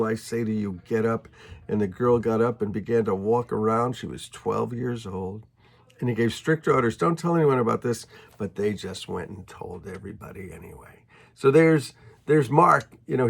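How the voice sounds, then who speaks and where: A man with a gravelly, husky voice retells a scripture passage in a loose, conversational way. He pauses to add his own plain asides between the verses. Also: mid-range voice. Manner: retells scripture conversationally, dropping to whispers for quoted thoughts. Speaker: Bible teacher. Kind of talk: informal Bible reading with commentary.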